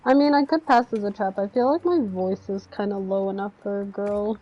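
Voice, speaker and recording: Speaking fairly quickly at medium pitch, this gaming streamer chats casually with her brother during a video game, grumbling with sarcasm. The stream audio sounds lo-fi and dull.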